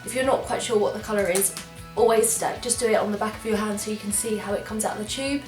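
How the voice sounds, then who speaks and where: Fast and fairly even in intonation, her mid-range voice sounds congested from a cold. She's a young woman from England doing an enthusiastic, chatty product try-on as a beauty vlogger, dropping apologetic asides. The room is echoey, with faint background music.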